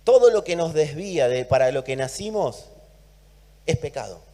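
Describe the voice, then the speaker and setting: High-voiced Argentine preacher in a hall. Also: male voice, animated, moderate pace. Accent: Argentine Spanish. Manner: emphatic preaching, swings between loud and soft, repeats words for emphasis. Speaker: pastor. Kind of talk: sermon.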